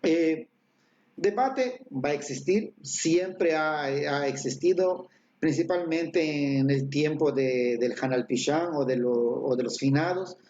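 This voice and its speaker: A man's voice: on the high side, slow pace, darkish tone, lo-fi sound, slight background noise. A man teaching an online language lesson, explaining patiently with many fillers and tag questions.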